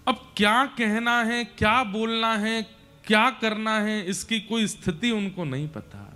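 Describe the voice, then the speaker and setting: A man's voice: high-pitched, unhurried, sharp tone, faint music behind. A man telling a devotional story with emotional, dramatic delivery. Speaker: kathavachak.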